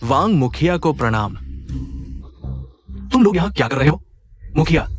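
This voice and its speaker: A male voice actor playing a blustering middle-aged village bully in a dubbed drama, loud and threatening. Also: medium pitch, lightly acted. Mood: fawning. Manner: loud, threatening, then fawning. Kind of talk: Hindi-dubbed drama acting.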